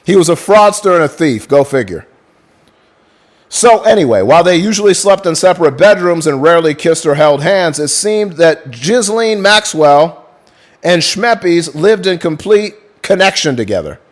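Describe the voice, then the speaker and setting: A man's voice: a little high, animated, normal speed. A man hosting a livestream, reading book passages aloud and breaking off to thank chat viewers, swearing freely in a casual way. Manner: profane, chatty, thanks viewers mid-reading. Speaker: livestream host.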